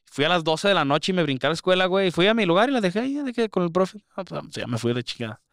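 Young Mexican co-host, fast bright talker, jokey banter. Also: male voice, high voice, lively intonation, clear, resonant tone, dry recording, clean studio sound. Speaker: podcast co-host. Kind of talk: casual podcast chat.

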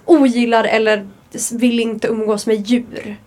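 A woman's voice: on the high side, level tone, darkish tone. A young woman hosting a student radio show, steering the chat with questions and laughing often. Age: young adult. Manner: leading, asks questions, giggly. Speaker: radio host, quiz leader. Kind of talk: casual studio chat. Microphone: studio microphone.

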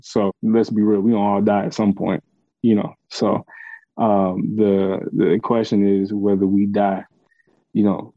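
Low, flat-voiced man, casual. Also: dry recording. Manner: casual and relaxed, with slang. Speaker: podcast co-host. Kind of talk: faith discussion. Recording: dull lo-fi sound.

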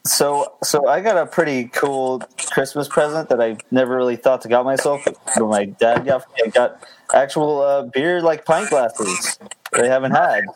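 A man chatting casually on a podcast, relaxed and hesitant with fillers. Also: medium pitch, normal speed, background noise. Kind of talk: casual chat.

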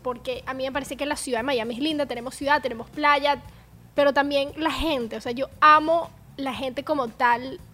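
A woman's voice: high-pitched, fairly even intonation, normal speed, pushed and bright. A young Venezuelan woman in casual family chat, long-winded and insistent. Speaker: daughter and co-host.

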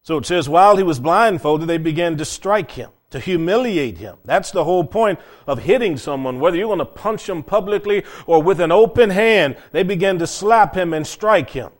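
Higher-voiced man preaching plainly. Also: lively intonation, moderate pace, hardly any pauses. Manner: plain-spoken, repeats phrases for emphasis. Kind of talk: conversational sermon.

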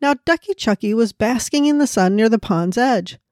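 A woman's voice: a little high, expressive, normal speed, darkish tone, no room sound, studio quality. A woman hosting a devotional podcast, speaking in an earnest, prayerful way and narrating a children's story. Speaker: podcast host.

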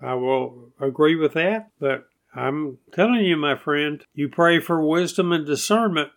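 A man preaching a recorded sermon, emphatic and repeating phrases as he teaches, rising to loud exclamations on key words. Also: a little high, a little slow.

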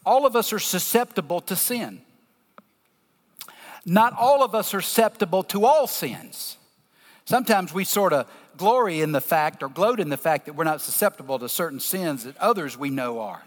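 A man with a deep Southern US accent preaching a sermon, teaching scripture emphatically and deliberately in short, broken phrases. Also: animated. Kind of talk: sermon, explaining scripture to a congregation. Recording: long reverberation of a large hall.

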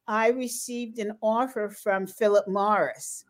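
A woman's voice: mid-range voice, fairly even intonation, measured pace. A woman hosting a casual conversation, reacting eagerly and telling her own stories. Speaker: host.

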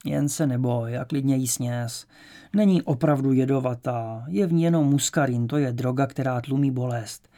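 A man voicing a calm, self-assured older male teacher who lectures firmly, in a dark, gravelly voice. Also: medium pitch.

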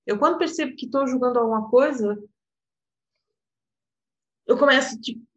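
A woman from Portugal speaks with a European Portuguese accent in a high-pitched voice at a moderate pace, and the recording sounds muffled. She's an interpreter appearing as a guest, reflecting personally in a casual conversation. She laughs often and keeps adding "sabe?"

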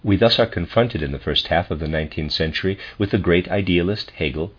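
Deep husky guy reading out an academic lecture, formal and deliberate professor type, bit muffled lo-fi sound. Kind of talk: reading a scholarly philosophy lecture aloud. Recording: dull lo-fi recording.

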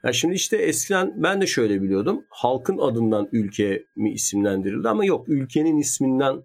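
A man's voice: mid-range voice, sing-song, brisk, gravelly, a little mellow. A man in casual conversation, explaining history at length in a thoughtful, hedging way. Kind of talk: casual chat.

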